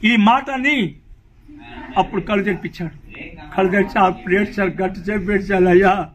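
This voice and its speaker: A man's voice: sits high, a little fast, slight background noise. A middle-aged man, a pastor earnestly telling his life story in an interview. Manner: earnest storytelling, acting out prayers and God's words. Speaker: pastor giving his testimony. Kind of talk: spoken testimony in an interview.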